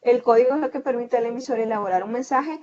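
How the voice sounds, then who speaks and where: A woman with a Salvadoran Spanish accent teaches an online class, her voice sitting a little high. She explains patiently, padding her points with fillers and quick self-corrections. The video-call audio comes through muffled and dull. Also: crowd noise. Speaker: online tutor.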